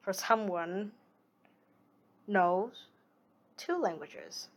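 A young streamer who isn't a native English speaker chats casually and reads viewer comments, giggling often, rambling, and correcting herself with restarts. Her medium-pitched voice has lively intonation but moves very slowly.

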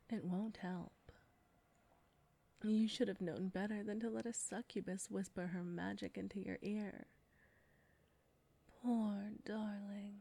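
A woman voicing a seductive, predatory female succubus in an audio roleplay, speaking in a breathy whisper with a slow, taunting manner. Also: medium pitch, warm tone. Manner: slow, taunting, close to the ear.

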